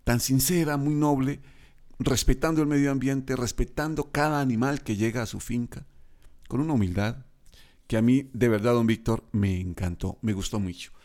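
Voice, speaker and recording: A man's voice: medium pitch, normal speed. Male podcast host, polite and admiring interviewer. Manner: warm, admiring, courteous.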